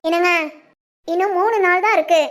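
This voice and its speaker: A woman plays a caring village wife in a family drama. She coaxes and soothes in a very high, light voice. Her tone stays patient and gentle throughout. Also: steady tone, fairly quick. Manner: gentle, coaxing.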